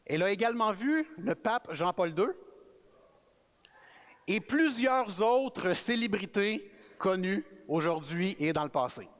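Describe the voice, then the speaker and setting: A man with a Québécois French accent, preaching as a guest speaker in a relaxed, friendly, conversational sermon. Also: sits high, a little slow. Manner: relaxed, friendly, self-effacing. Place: church sanctuary. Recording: reverberant church hall.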